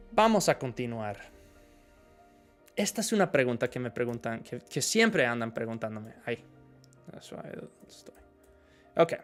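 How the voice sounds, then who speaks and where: A young man teaching live in Spanish, greeting viewers by name. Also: medium pitch. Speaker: English teacher on a livestream. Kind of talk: live Spanish-language English lesson.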